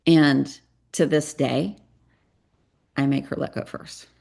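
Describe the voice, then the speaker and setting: A middle-aged woman with a deep, gravelly voice, speaking as a podcast guest. She talks earnestly and confessionally and acts out snatches of dialogue as she tells her story. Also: steady tone, slow pace, a little mellow. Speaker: guest, psychotherapist and parenting coach.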